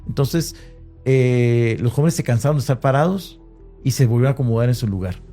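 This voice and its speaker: Soft-toned man recounting a strange night. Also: mid-range voice, soft background music. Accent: Mexican Spanish. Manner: hesitant, with many restarts and fillers, slowing at tense moments. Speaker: interviewee recounting an encounter. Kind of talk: conversational first-person account.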